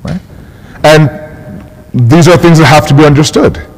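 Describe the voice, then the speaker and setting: A man's voice: on the high side, unhurried, poor audio. Conversational man giving a mosque lecture. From Canada. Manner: conversational, repeats words while searching for phrasing. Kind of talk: religious lecture to a congregation. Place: mosque hall.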